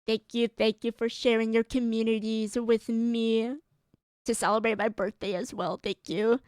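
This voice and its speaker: A woman's voice: a little high, level tone, normal speed, a little mellow, clear, resonant tone, no room sound, studio quality. A woman streamer chatting casually as she signs off, giggly and rambling, with a strained, tired voice. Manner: giggly and rambling, with frequent laughs and fillers. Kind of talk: casual stream sign-off chat.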